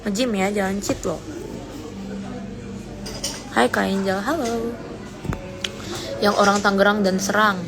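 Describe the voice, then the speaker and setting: With music playing behind her and poor audio quality, a teen girl runs a casual phone livestream, teasing viewers playfully as she reads their comments. Her gravelly voice is steady and slow with long pauses, though it climbs high when she acts mock-outraged.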